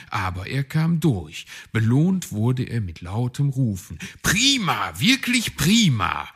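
A man reads a children's advent story aloud at an unhurried pace. His voice is gravelly and husky, and his telling moves with lively pitch. He performs the animals with separate voices. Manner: expressive, voices each animal.

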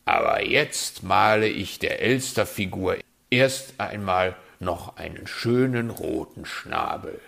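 A man voicing a sly, smooth-talking male fox in a read-aloud story, flattering and evasive, with a gravelly voice. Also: low voice, slow, full character voice. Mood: dry.

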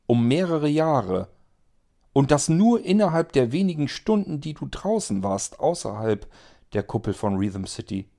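A man's voice: medium pitch, creaky, voice pushed up. A man reading an audiobook, voicing a blunt, skeptical young woman who argues insistently. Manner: arguing, insistent.

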